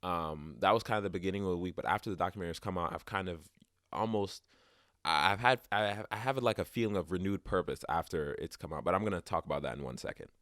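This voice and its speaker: Talking fast in a low voice with a fairly bright tone, a young man hosts his own casual solo podcast, rambling along with lots of restarts and fillers. He sounds a little stuffed up and sniffly. It's a dry, studio-quality recording on a close podcast mic.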